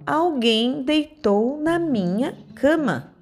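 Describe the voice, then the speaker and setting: A woman voicing a gentle mother bear in a children's story, drawn-out and lilting. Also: sits high, lively intonation, faint music behind, pitched above the performer's own voice, full character voice. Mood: puzzled.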